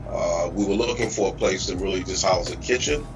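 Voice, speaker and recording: A man's voice: deep voice, fairly quick, background noise. A middle-aged man, a restaurateur, telling stories casually as an interview guest. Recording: music playing behind the talk.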